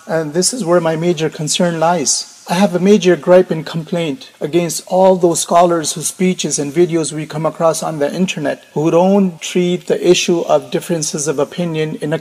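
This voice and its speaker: A man preaching formally and emphatically to a congregation, his voice coarse, gravelly and hoarse from a sore throat, restating points in synonyms. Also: fairly high pitch, a little mellow. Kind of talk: sermon to a congregation.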